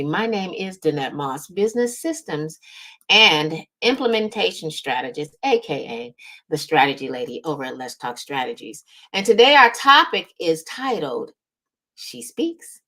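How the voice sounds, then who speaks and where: A woman with a low, slightly bright voice hosts a motivational business coaching talk for an online audience, speaking as a strategist. She is conversational and emphatic, repeating points for effect and often checking in with short tags like "right" and "okay."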